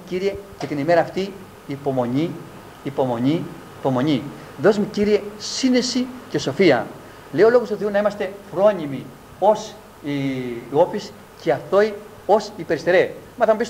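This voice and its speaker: Preacher, male, higher register, slow and emphatic sermon delivery, light background hiss. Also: a little mellow, poor audio. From Greece. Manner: slow, emphatic, repeats key words with falling pitch. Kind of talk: sermon with closing prayer. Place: church hall.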